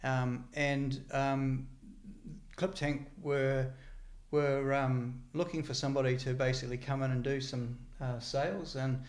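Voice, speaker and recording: Male interviewee, middle-aged, casual and halting, little pitch movement, echoey room recording. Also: little pitch movement. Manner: hesitant, halting delivery. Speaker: company sales engineer interviewee. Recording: roomy echo.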